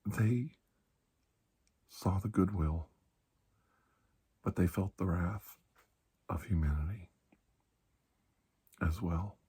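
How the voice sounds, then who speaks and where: A man with a deep voice puts on a full character voice as a calm, reassuring doctor treating a patient in ASMR roleplay. He speaks softly and breathily, husky and frequently near a whisper, measured and halting. The hushed storytelling feels solemn throughout.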